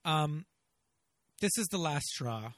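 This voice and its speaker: A man's voice: on the high side, expressive, slow pace, a bit bright, dry recording. A man in a casual film discussion, rambling conversationally as a podcast panelist.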